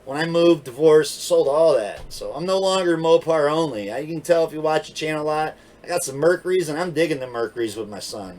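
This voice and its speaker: A man's voice: fairly high pitch, recorded from a distance. A middle-aged man hosting a channel, giving casual commentary over vehicle listings in a laid-back, folksy way. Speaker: channel host.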